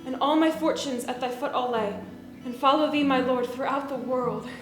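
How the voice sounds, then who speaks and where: Woman doing a lovesick eager young maiden, shakespeare stage style, high voice, guitar music behind. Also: normal speed, echoey room, natural voice. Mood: flustered, eager. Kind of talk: theatrical Shakespearean stage acting.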